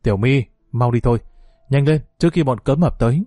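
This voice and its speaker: A man's voice: medium pitch, a little fast, warm tone, no room sound, clean studio sound, soft background music, natural voice. A man voicing a stern older triad boss who soothes and commands a frightened girl. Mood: protective.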